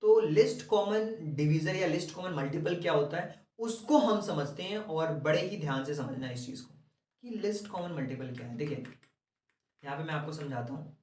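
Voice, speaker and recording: A man's voice: on the high side, animated, moderate pace, darkish tone, echoey room, distant mic. A man teaching a maths lesson, asking the class questions and answering them himself.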